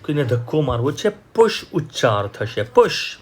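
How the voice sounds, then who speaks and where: A man with a Gujarati accent teaching English vocabulary, slowly repeating each word and example sentence. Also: mid-range voice, big pitch swings, breathy edge.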